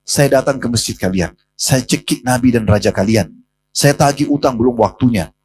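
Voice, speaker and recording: A man's voice: mid-range voice, normal speed, darkish tone, a little hiss or hum, close to an everyday voice. A man voicing a stubborn old male rabbi as he retells a story in his sermon. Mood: defiant.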